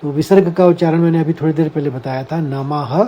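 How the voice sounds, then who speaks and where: A man's voice: a little high, steady tone, fairly quick, dark tone. A man teaching a scripture lesson, explaining word meanings and carefully sounding out each Sanskrit syllable for his listeners. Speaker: Gita teacher.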